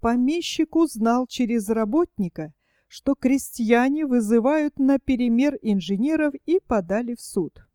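A woman reading a literary story aloud as an audiobook narrator, in a steady storytelling manner. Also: a little high, unhurried, no room sound, clean studio sound.

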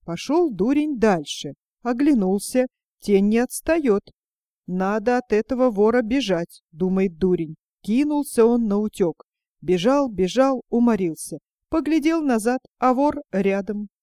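A woman tells an old folk tale in a steady, storybook way. Her voice sits a little high yet sounds mellow and soft-edged, recorded close and dry with no room around it. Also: unhurried, no room sound. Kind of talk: fairy tale reading.

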